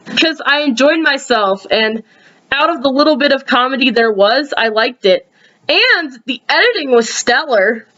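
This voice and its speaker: Sleepy chatty woman, lo-fi recording. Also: a bit bright. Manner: chatty, with frequent ums and sudden upward pitch jumps. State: sleepy, yawning. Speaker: video creator reviewing her own episodes. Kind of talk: casual rambling commentary.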